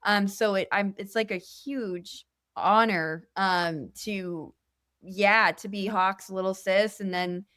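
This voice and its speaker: A woman's voice: medium pitch, steady tone, slow, a bit bright, clear, resonant tone, no echo, clean studio sound. A young adult woman talking as a guest musician in a casual podcast interview. She speaks candidly and earnestly, rambling with many fillers. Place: indoor podcast studio.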